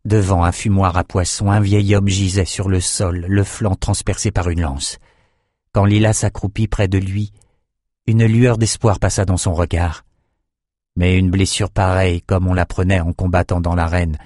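A man narrating an audiobook in a steady, measured reading on a close mic. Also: sits low, no echo. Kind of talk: scripted narration.

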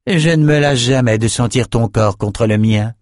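A man's voice: medium pitch, a little slow, darkish tone, no echo, studio quality, close to an everyday voice. A man reading an audiobook voices a fierce, seductive female warrior who hisses her threats with mocking menace.

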